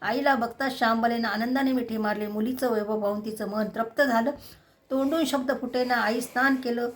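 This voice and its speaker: A middle-aged woman narrating a devotional tale in a steady, measured reading voice. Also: a little high. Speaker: storyteller.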